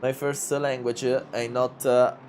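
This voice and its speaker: Medium in pitch and slow in pace, this voice carries a little hiss or hum. It belongs to a twenty-something man from Italy who calls a sim race in accented English, hesitating with fillers and restarts, then rising in volume and excitement during close fights.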